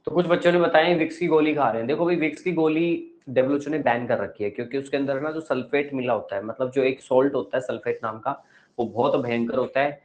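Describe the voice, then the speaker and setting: A man's voice: mid-range voice, fast talker. A male teacher lecturing a class, asking the pupils questions and giving advice.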